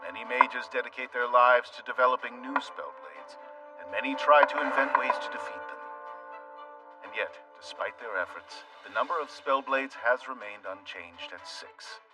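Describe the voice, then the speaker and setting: An actor playing a measured male sword instructor, calm, dry and explanatory, in an anime dub. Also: medium pitch, lightly acted. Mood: explaining. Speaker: teacher. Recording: distant voice over music.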